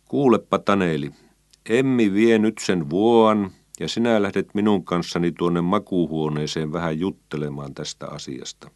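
A stern, serious father from a storybook, read by a male narrator, speaking deliberately in a low voice. The recording is dry and close. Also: dry recording. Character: stern, serious father lecturing his son.

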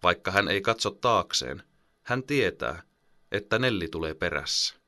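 A man narrating a children's audiobook in a calm, even storytelling manner. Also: sits low.

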